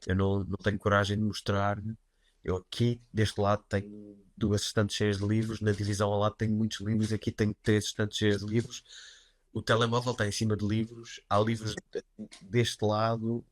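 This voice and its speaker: Relaxed low-voiced man with a European Portuguese accent. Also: a little fast, no echo, clean studio sound. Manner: relaxed, chatty, self-deprecating, with many fillers like "pá". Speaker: guest writer and writing teacher. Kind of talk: casual interview conversation.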